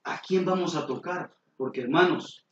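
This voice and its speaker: A middle-aged man, preaching a sermon as pastor with lively storytelling and questions to the congregation. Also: fairly high pitch, normal speed, slight background noise. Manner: animated storytelling, sudden exclamations, rhetorical questions to the congregation. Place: church sanctuary. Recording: roomy hall, distant mic, dull and lo-fi.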